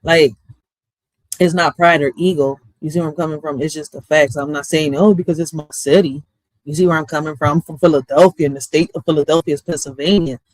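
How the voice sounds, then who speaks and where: A man's voice: fairly high pitch, steady tone, a little fast, no echo, rough recording. A man hosting his own livestream, chatting loose and streetwise, often cursing and asking "all right?". His voice is close and dry, with no room sound around it. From Puerto Rico. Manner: street-casual, repeats "all right?" and curses. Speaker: livestream host. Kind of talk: casual livestream chat.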